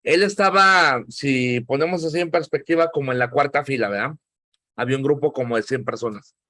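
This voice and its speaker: Animated Mexican man teaching a Bible class. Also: mid-range voice, a little fast, no room sound, studio quality. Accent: Mexican Spanish. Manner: animated storyteller, often says "hermanos" and "¿verdad?", acts out quoted voices. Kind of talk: preaching-style lesson with personal anecdotes.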